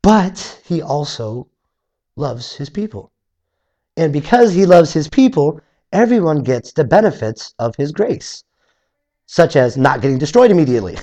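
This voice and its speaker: A man with a somewhat high voice teaches through a Bible passage in a conversational way, with restarts along the way. He's animated, putting on voices to act out listeners' objections. The recording is lo-fi.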